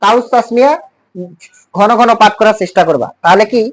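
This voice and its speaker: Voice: mid-range voice, fairly quick, low-quality recording. A teacher, giving a classroom lesson on speech sounds, explaining patiently and quizzing students with repeated terms.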